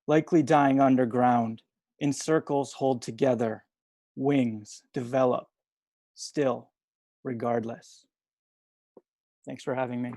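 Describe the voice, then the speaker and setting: A young man reading poetry over a video call from home, soft-spoken and hesitant between poems. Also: mid-range voice, fairly even intonation, takes it slowly, long pauses, no room sound. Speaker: poet reading at a livestream.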